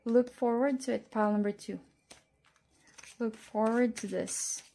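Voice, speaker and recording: A woman's voice: on the high side, steady tone, a little slow, gravelly, dark tone. A woman giving a casual tarot reading, speaking to the listener as a fortune teller. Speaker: tarot card reader.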